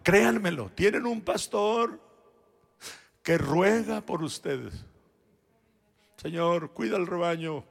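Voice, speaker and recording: A man preaching a sermon as pastor in a church, turning from shouted exhortation to quiet, personal words to his flock. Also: sits high, gravelly, breathy edge. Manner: swings between shouted exhortation and quiet, intimate asides; addresses the congregation directly and personally. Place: church sanctuary.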